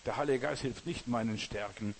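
A man preaching with earnest conviction, addressing each listener directly. His voice sits at an ordinary middle pitch. A faint hiss runs under the recording. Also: moderate pace, rough recording. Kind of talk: sermon.

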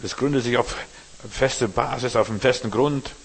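A man preaching a sermon as pastor, repeating key phrases and swinging between loud calls and low, quiet asides. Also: moderate pace, gravelly, breathy edge. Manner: preaching with emphatic repetition and sudden shifts between loud calls and low murmurs.

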